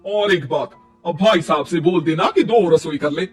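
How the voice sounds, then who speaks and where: A man's voice: on the high side, moderate pace, close to an everyday voice. A man voicing a boastful, jealous older mother-in-law in a cartoon story. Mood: haughty. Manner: boastful, snappy. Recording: distant mic, faint music.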